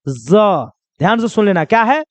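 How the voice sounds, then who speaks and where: In a smooth, extremely high-pitched voice, a man unhurriedly teaches pronunciation rules like a classroom lesson, on a dry recording. He constantly quizzes viewers with the same questions repeated and addresses them as children.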